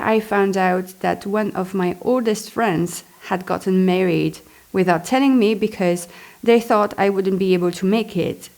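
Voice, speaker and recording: A woman from Belgium reads her memoir herself, speaking with the Belgian French accent of a native French speaker. Her pitch is mid-range with some creakiness, and her tone stays talkative and animated, with asides slipped in as they occur to her.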